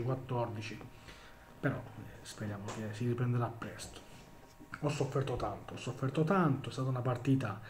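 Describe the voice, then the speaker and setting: A man giving a casual post-match football vlog, talking haltingly with many restarts and repeated words. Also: medium pitch, a little mellow, slight background noise. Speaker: football fan vlogger.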